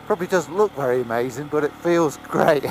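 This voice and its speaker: Excitable man talking inside a helmet. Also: fairly high pitch, brisk, slight background noise, poor audio. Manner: excitable, whooping and laughing. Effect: talking inside a motorcycle helmet. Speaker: dirt bike rider filming his ride. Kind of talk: casual commentary while riding. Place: outdoors on a muddy dirt trail.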